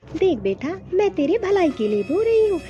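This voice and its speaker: A woman's voice: very high voice, big pitch swings, normal speed, warm tone, faint music behind. A woman voicing a middle-aged mother who lectures her daughter in a cartoon, moralizing. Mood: lecturing.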